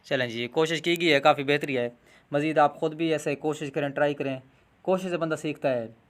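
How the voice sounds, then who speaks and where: A man with a Pakistani Urdu accent teaching pronunciation, patiently repeating each sound slowly and drawn out. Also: a little high, fairly even intonation. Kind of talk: instructional demonstration.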